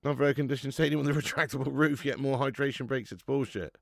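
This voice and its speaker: A man in his thirties hosts a football watch-along, bantering with chat, laughing and swearing freely in casual live-stream talk. His medium-pitched voice is steady, quick and creaky, recorded in clean studio quality with no room sound.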